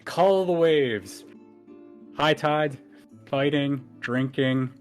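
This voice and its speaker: A man playing a pirate captain booming in a magically amplified voice. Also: very slow, soft background music. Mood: rallying pitch. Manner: booming, theatrical announcement. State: voice magically amplified to three times louder. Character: boastful male pirate captain recruiting a crew. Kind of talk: tabletop roleplaying game.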